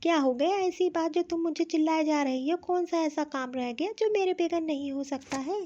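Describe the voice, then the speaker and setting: A woman's voice: very high voice, moderate pace, warm tone, dull audio. A woman voicing a fussy, busy older mother-in-law who scolds and complains in a cartoon. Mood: scolding.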